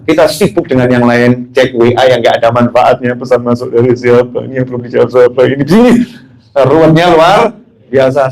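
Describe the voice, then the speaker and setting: A man's voice: mid-range voice, a little mellow, poor audio. A man preaching as a habib, telling anecdotes, joking and asking the audience questions. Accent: Indonesian. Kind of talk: religious talk.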